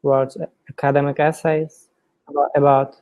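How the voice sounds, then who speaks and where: A man's voice: a little high, level tone, a little mellow. A man from Turkey, practicing English with a tutor and choosing his words carefully. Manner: careful, deliberate non-native phrasing. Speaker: student.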